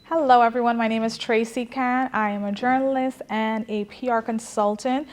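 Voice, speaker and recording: A woman's voice: a little high, steady tone, moderate pace. A woman from Guyana, a journalist telling her story in a casual interview. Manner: earnest, storytelling, with fillers. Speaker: journalist guest.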